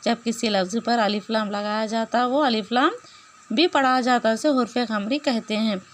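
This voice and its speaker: A woman teacher giving a recorded Urdu lesson, explaining slowly, repeating points and asking questions. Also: a little high.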